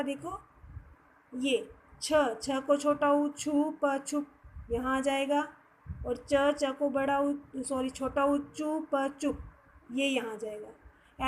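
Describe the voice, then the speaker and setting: A woman's voice: high voice, slight background noise, low-quality recording. A woman teacher giving a patient phonics lesson to young children, sounding words out syllable by syllable and mixing in English words. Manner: mixes English words into Hindi.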